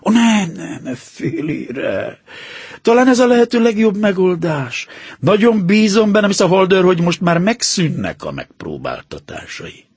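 A composed, exacting detective, as a male reader plays him, measured and authoritative, with a slightly raised, husky voice full of lively shifts in pitch. The audiobook reading is dry and close to the mic. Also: dry recording, full character voice. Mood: calm. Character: calm, stern male detective, confident and precise.

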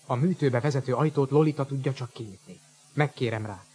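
A man playing a resolute young man in a radio play, his husky voice calm and even. He gives instructions steadily. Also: mid-range voice, natural voice.

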